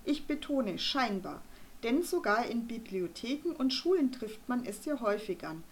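A woman voicing a stern, pompous male doctor who lectures gruffly in an audiobook reading. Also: a little high, big pitch swings, moderate pace, a little hiss or hum. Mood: lecturing. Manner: gruff, lecturing, then conspiratorial.

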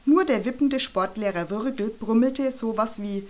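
A woman reading a children's audiobook aloud with expressive storytelling. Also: fairly high pitch, moderate pace. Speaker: narrator. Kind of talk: audiobook narration.

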